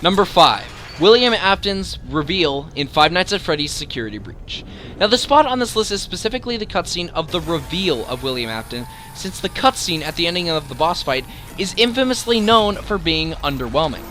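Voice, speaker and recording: A video creator hosts a scripted top-ten countdown, his commentary enthusiastic and emphatic over background music. His voice sits on the high side and sounds expressive and sharp as he speaks briskly.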